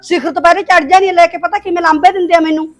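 A woman with a very high-pitched voice plays a harsh, nagging stepmother, a middle-aged village woman, in a village short film. She scolds fast and sharp-tongued in Punjabi with a Punjabi accent, her intonation fairly even.

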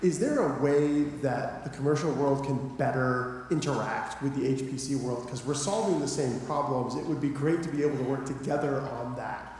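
A man in the audience politely asking the panel a measured question. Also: medium pitch, darkish tone. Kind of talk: conference Q&A question. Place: large conference hall audience. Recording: very echoey hall with faint noise.

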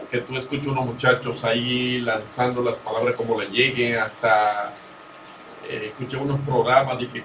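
A man hosting an interview and asking long, winding questions. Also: medium pitch. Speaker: interview host. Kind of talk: conversational interview. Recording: echoey, distant mic with clear background noise.

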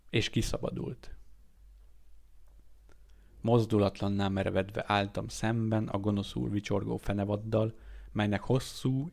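A man reading an audiobook aloud in a steady, measured way. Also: on the low side, gravelly. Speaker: audiobook reader. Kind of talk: amateur audiobook narration.

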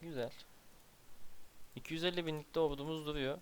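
Smooth-voiced man muttering over gameplay. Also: on the high side, fairly even intonation, brisk. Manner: muttering to himself, exasperated outbursts. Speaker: gameplay commentator. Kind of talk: casual strategy game commentary.

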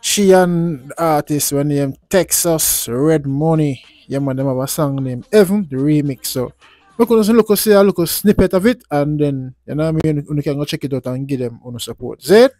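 A man's voice: a little high, normal speed, dark tone. A man with a Jamaican accent hosting a channel in Rasta speech, casually commenting on music in Patois with blessings and frequent affirming tags. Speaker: YouTube channel host.

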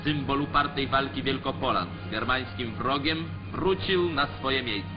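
A man's voice: medium pitch, unhurried. A man giving formal, declamatory scripted commentary for an old 1940s newsreel. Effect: old 1940s newsreel sound. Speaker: newsreel narrator. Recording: dull lo-fi 1940s newsreel track. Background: music under the voice.

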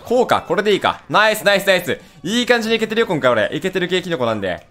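A young man reacts to his gameplay in a quick, lively rush, his pitch bouncing high and low. He talks rough and playful, scolding the screen in jest. Faint game music plays behind him. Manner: excitable, blurts rapid reactions and laughs; rough casual talk, playful mock scolding. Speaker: gaming video host. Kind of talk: let's-play commentary.

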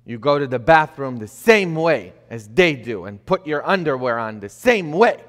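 A medium-pitched, fairly bright male voice moves at normal speed with big rises and falls in pitch: a middle-aged priest preaching from the pulpit, stacking emphasis and tossing out rhetorical questions. The audio comes from a fixed camera far from the pulpit in an indoor church sanctuary, with long church-hall reverb.

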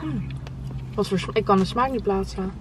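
A woman's voice: medium pitch, normal speed, noisy background. Girl vlogging a mukbang, mouth full of fries, muffled chatty talk between bites. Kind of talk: casual chat while eating.

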